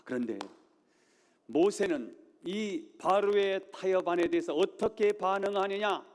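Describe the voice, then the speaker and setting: Pastor guy preaching, kinda high voice, big church reverb, keeps repeating himself for emphasis. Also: a little mellow. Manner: emphatic preaching with repeated phrases and rhetorical questions. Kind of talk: sermon. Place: church sanctuary.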